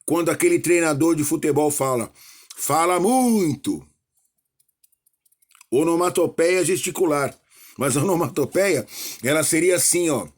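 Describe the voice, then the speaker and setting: Male teacher, slightly high voice, explanatory recorded-lesson delivery. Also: expressive, a little slow, long pauses. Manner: explanatory, checks in with "ok?".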